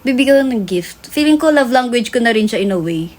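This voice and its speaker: This livestream host is a young woman whose voice sits on the high side, with a darkish tone and an animated, brisk delivery. She rambles through a long, filler-heavy story, flipping casually between Tagalog and English.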